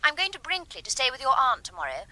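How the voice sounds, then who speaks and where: An actress playing an imperious, high-minded young upper-class English lady novelist in a comic radio drama, precise and commanding. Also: huge pitch swings, fast, bright, forceful tone, heavily acted. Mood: coaxing, imperious.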